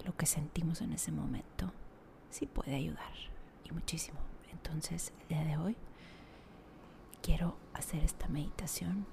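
A woman guiding a meditation in a soft, half-whispered, slow and soothing way. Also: deep voice, vocal fry, background noise. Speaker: meditation guide. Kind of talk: guided meditation. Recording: music playing behind.

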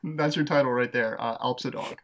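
A man co-hosting a podcast, pitching movie ideas in casual chat, laughing often and rambling with fillers. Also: steady tone, fairly quick. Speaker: podcast co-host.

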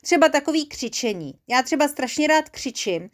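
Eager little male creature, put on by a woman, chatty, high, storybook. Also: very animated.

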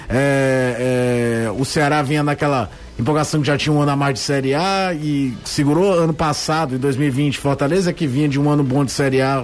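A man giving conversational, explanatory football analysis on the radio, repeating words to build his points. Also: a little high. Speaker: sports commentator.

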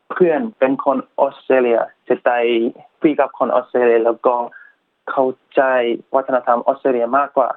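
A man with an English-speaking foreigner's accent, answering interview questions politely in halting, broken learner's Thai with English words mixed in. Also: medium pitch. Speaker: interview guest, YouTuber. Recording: thin narrowband phone or radio line.

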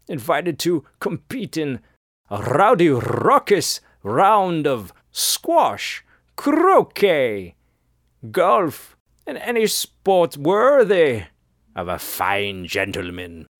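Pompous aristocratic radio host, played by a man, slow haughty drawl, pitch swooping wide, dry close sound. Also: no room sound, heavily acted. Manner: haughty, affected posh drawl. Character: pompous snobbish upper-class male radio host. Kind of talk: comedic character monologue.

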